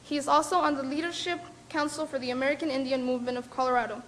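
High-voiced young woman reading an introduction. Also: fairly even intonation, very fast, slight background noise. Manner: careful, formal reading with small slips. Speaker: student event organizer introducing a speaker. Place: lecture hall with audience.

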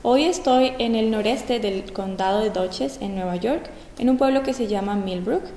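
A woman hosting a community health talk, introducing guests and asking clear questions in a school gym. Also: fairly high pitch, normal speed, warm tone, a little hiss or hum. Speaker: host. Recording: roomy echo, long gym reverb.

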